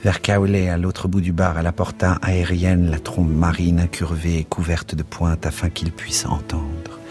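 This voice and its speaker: A man with a deep, low voice reads literary prose aloud, expressive and rhythmic. He lingers over words and images. Faint music plays softly behind him. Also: moderate pace. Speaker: narrator. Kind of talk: literary reading. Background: soft music.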